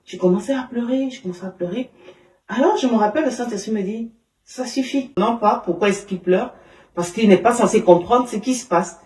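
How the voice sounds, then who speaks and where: A woman giving an emotional personal testimony in an interview, halting, with many fillers and restarts. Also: fairly high pitch, warm tone. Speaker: interview guest. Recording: roomy sound from a distance.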